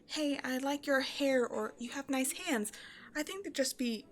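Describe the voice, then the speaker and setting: A woman with a high voice, speaking a little slowly, plays a shy young woman full of self-doubt. She rambles hesitantly through an intimate one-sided roleplay with a stranger, sounding awkward and musing. She comes across as apologetic and giggly, nervously overthinking everything.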